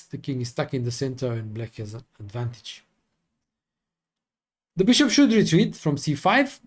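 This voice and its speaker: A man working through chess opening lines as a coach, thinking aloud with fillers and quick self-corrections. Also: on the high side, darkish tone.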